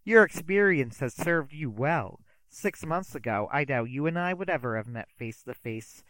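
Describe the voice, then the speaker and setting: Smug, theatrical magician villain, voiced by a man; pompous showman delivery, a bit higher and brighter than the narrator. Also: animated, moderate pace, a little hiss or hum, poor audio.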